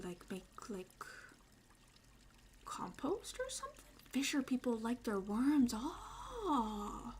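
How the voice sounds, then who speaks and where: A young adult woman streamer in quiet, casual ASMR chat, playful and rambling, sometimes dropping into soft whispers. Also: a little high, slight background noise.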